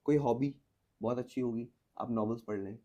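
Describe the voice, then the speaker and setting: A man's voice: mid-range voice, a little fast, warm tone. A man, a teacher giving earnest advice as a podcast guest and mixing English phrases into his Hindi.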